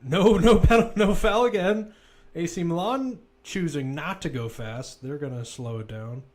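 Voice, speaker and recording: With a fairly high but darkish voice, a man does live football play-by-play a little slowly. He narrates each moment in the present tense through short, clipped phrases.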